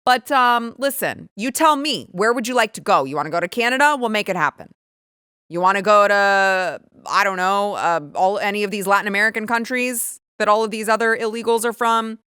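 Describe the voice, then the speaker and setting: A woman's voice: mid-range voice, brisk, bright, forceful tone, smooth, no room sound, studio quality. A woman hosting her own show, giving sarcastic, emphatic and indignant political commentary. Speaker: show host.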